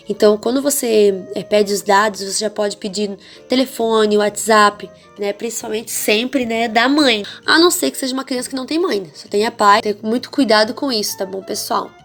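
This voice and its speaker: A woman with a Brazilian accent teaching an online course for children's ministry teachers, expressive and speaking straight to the viewer with frequent check-ins. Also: mid-range voice, moderate pace, hardly any pauses, soft background music. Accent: Brazilian Portuguese. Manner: demonstrates varied, theatrical intonation.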